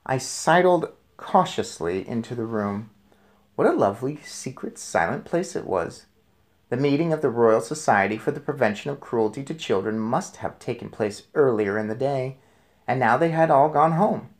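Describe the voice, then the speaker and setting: A man reads a children's storybook aloud, narrating expressively in a read-aloud style with a medium-pitched voice at normal speed.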